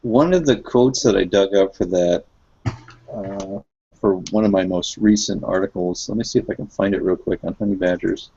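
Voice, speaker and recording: A man's voice: low voice, normal speed, creaky, warm tone, slightly rough. A man co-hosting a casual stream chat, blunt and mocking, swearing freely. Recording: dull lo-fi stream audio.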